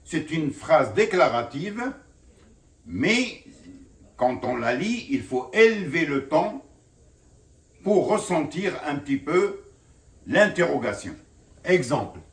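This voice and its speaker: A man gives a classroom grammar lesson, speaking slowly in a fairly high, lively voice and filling his explanations with "bien sûr". He is recorded from some distance off the mic in a roomy space. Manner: slow, explanatory, repeats "bien sûr" often. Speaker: French teacher.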